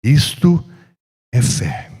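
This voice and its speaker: A man with a Brazilian Portuguese accent teaching a Bible class in a church, slow and drawn out, rising to emphasis when reading scripture. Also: mid-range voice, wildly swooping pitch, darkish tone, slightly rough. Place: church hall. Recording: echoey church hall.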